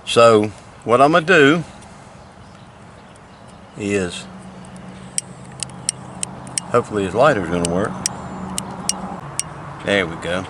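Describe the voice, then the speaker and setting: A man's voice: fairly low pitch, sing-song, takes it slowly, long pauses, noisy background. An older retired man, chatting casually in a folksy, plain-spoken way as he fishes and demonstrates things outdoors by a lake. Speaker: fishing vlogger.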